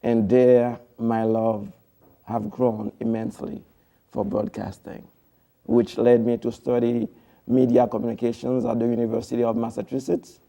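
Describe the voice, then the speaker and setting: Gravelly dark-voiced man from Haiti. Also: mid-range voice, little pitch movement, moderate pace. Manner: formal, devotional phrasing with hesitant fillers. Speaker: TV producer, guest. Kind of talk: studio interview. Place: TV studio.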